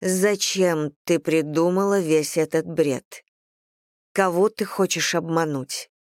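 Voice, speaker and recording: Audiobook mother, read by the narrator: icy, slow, hissing rage, dry close read. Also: medium pitch, steady tone, dry recording, close to an everyday voice. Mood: cold. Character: cold, furious middle-aged mother. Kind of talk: audiobook character reading.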